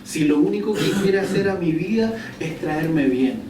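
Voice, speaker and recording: A man's voice: fairly high pitch, lively intonation, normal speed, mellow. A man preaching a sermon to a congregation, telling a personal story and putting questions to his listeners. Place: church hall. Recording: echoey church room, distant mic, faint noise.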